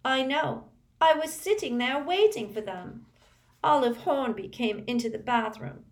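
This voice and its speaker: A woman reading aloud and voicing a sulky, self-pitying teenage girl ghost, whiny and shrill. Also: measured pace. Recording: roomy echo.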